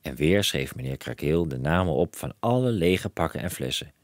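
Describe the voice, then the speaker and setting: A man narrating a children's audiobook in a lively storytelling voice, close on the mic. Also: very deep voice, normal speed, no room sound.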